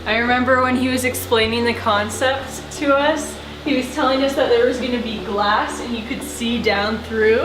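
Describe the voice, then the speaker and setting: Young female home tour vlogger, gushing and exclamatory, highish pitch, roomy sound. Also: fairly even intonation, moderate pace, few pauses. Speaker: house tour presenter. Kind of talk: casual home tour vlog. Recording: roomy echo, background music. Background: music.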